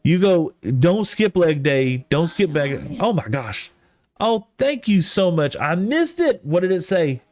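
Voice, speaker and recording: With soft lofi music in the background, this East Texas man chats and rambles folksily while livestreaming a game, poking fun at himself in his Texan accent. His high voice is sing-song and unhurried, with no echo.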